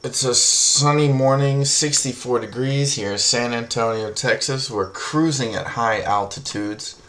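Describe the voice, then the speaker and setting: A man's voice: mid-range voice, unhurried, a bit bright, lightly acted. A man doing a jokey airline pilot announcement. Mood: playful. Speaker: stock trading streamer.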